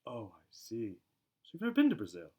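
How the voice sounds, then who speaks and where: A man voicing a gentle, curious young boy in a murmuring, conversational storybook reading. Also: medium pitch, wildly swooping pitch, brisk.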